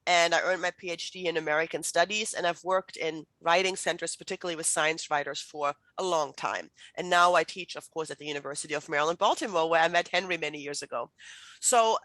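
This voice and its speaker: A middle-aged German woman, a native German speaker and writing instructor, runs a chatty online writing workshop over a video call, full of fillers and restarts. She talks fast in a low, slightly bright voice, and the audio is poor though free of echo.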